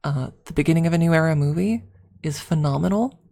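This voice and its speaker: This streamer's voice sits low and sounds warm, and she talks at a quick pace. While replying to chat during an ASMR livestream, she rambles casually and raves with exaggerated, fannish enthusiasm.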